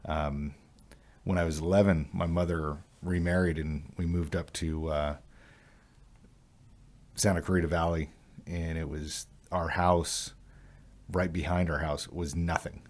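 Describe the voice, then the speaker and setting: A man with a very deep voice co-hosts a casual podcast. He is from Utah and California and talks haltingly with many fillers. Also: flat delivery. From Utah and California, USA. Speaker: podcast co-host.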